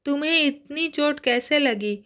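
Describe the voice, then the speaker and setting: A woman voicing a protective young man who speaks gently and reassuringly, at an unhurried pace. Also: high-pitched. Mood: gentle.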